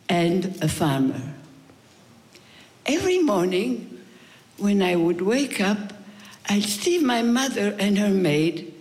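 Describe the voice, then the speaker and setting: An elderly woman from Morocco tells her story on a theater stage, speaking very slowly and deliberately. Her voice swings up and down in pitch. A long hall reverb hangs behind her. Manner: slow, deliberate telling with lively rises and falls. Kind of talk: live personal storytelling on stage.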